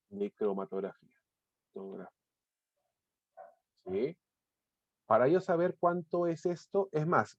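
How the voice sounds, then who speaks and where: A man walks listeners through a software tutorial, explaining each step and stopping now and then to check they follow. His voice is dark and mellow, recorded dry on a dull, lo-fi mic. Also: medium pitch, no echo. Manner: explanatory, repeats and restarts words, checks in with "¿sí?". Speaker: instructor.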